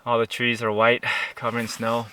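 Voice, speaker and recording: A man chatting casually to camera as a camping vlogger out in the cold, speaking haltingly as he searches for words, his mouth a little stiff from the chill. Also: mid-range voice, completely flat delivery, sharp tone, a little hiss or hum, poor audio. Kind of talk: casual vlog chat to camera. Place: outdoors at a snowy mountain campsite.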